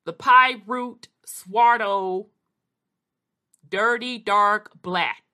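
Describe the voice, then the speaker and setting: A woman's voice: mid-range voice, drawn-out words, pushed and bright, clear, resonant tone. A woman presenting informal commentary as a host, stressing key words emphatically and often checking in with the listener. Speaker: host of a history commentary show.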